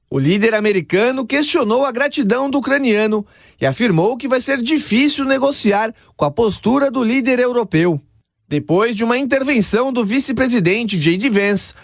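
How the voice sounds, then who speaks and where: A Brazilian man narrates a news report in a steady, measured read. His voice sits unusually high for a man. The sound is dry and close, with no room around it. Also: creaky, no room sound. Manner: reads translated quotes in a measured way.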